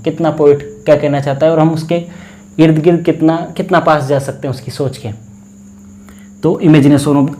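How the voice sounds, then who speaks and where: A man with an Indian accent teaching an English class, explaining each point carefully and repeating key words as he reads the English slowly. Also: a little high, mellow. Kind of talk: classroom lecture.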